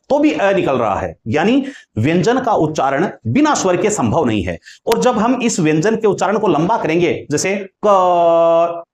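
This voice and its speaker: Hindi teacher man, echoey room. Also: fairly high pitch. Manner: explains patiently, repeats key points, draws out sounds as examples. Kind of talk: classroom-style lecture. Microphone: writing on a board while teaching.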